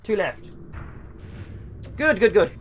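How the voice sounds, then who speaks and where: A man's voice: sits high, very animated, takes it slowly, fairly bright tone, faint music behind. A young man hosting a game let's play, chatting and joking to himself as he plays. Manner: chatty, jokey, talks to himself while playing. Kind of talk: gameplay commentary.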